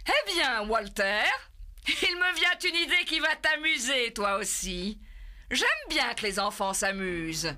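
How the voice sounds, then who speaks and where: A woman's voice: sits high, very animated, slow pace, sharp tone, pitched above the performer's own voice, exaggerated voice. A woman voicing a cruel, menacing male tyrant. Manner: menacing, mock-friendly, commanding.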